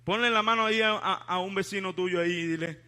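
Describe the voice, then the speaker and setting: Brief: preacher, high, bright and forceful, calls on the congregation. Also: male voice, fairly even intonation, fast talker, smooth. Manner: asks the congregation questions, leads call-and-response. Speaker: pastor. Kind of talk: sermon. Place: church before a congregation.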